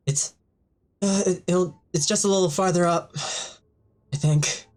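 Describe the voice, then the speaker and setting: A man's voice: sits high, steady tone, a little slow, a little mellow. A man playing a tabletop game, hesitant, sighing and trailing off mid-thought. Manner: hesitant, fumbling, sighs and trails off. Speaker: player. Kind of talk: tabletop role-play chat.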